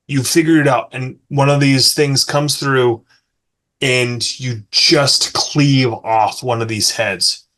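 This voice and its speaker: A man running a tabletop game as game master, narrating combat in quick bursts broken by fillers and restarts. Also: mid-range voice, fairly even intonation, a bit bright. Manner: fast, halting with many fillers and restarts.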